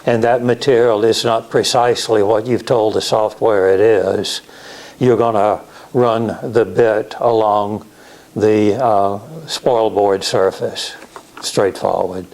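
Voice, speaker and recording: A man giving a practical technical lecture as an instructor, explaining step by step in a halting way. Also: on the low side, fairly even intonation, darkish tone. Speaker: class instructor in CNC woodworking. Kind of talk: technical lecture with slides and software demo.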